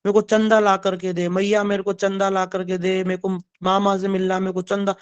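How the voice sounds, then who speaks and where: A man's voice: sits high, completely flat delivery, moderate pace, clear, resonant tone, dull audio, natural voice. A man voicing the child Krishna as a stubborn, whiny little boy who keeps demanding the moon. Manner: insistent, demanding repetition.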